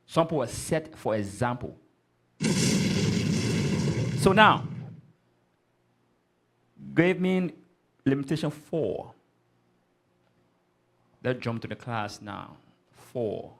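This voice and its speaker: Man, Bible class teacher, emphatic, repetitive, mid-range pitch. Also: animated, very slow, gravelly, long pauses, a bit bright. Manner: emphatic, repetitive, prompts the reader often. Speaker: teacher leading a scripture class. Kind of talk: street-corner style Bible class teaching.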